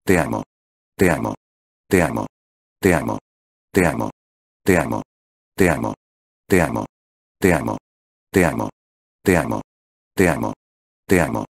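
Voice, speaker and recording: A man voicing an obsessive female witch shadow in a low murmur, in an audiobook. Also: very animated, measured pace, gravelly, pauses often, slightly rough, no echo, clean studio sound, heavily acted.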